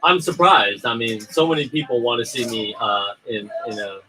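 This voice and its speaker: A man's voice: mid-range voice, normal speed, pushed and bright, faint music behind, rough recording. A man co-hosting a casual livestream, bantering in a joking, teasing and rambling way. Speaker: livestream co-host promoting a crowdfunding campaign.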